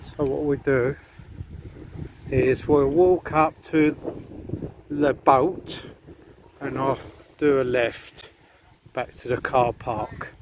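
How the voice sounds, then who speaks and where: A vlogger with a medium-pitched, steady voice walks along a beach and past hotels, chatting casually to viewers on a handheld camera. He speaks slowly and pauses often in a rambling way, with faint outdoor noise behind him.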